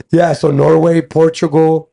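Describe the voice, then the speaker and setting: A young man with a slightly high voice co-hosts a relaxed podcast chat. He talks in a halting, stop-start way, pausing while he reads names off his phone. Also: gravelly. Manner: explains by reading lists off his phone, halting. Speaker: podcast co-host.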